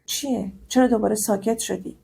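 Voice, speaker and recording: A woman's voice: medium pitch, steady tone, creaky, mellow. A woman voicing a stern, wealthy male university professor who talks in a serious, businesslike way.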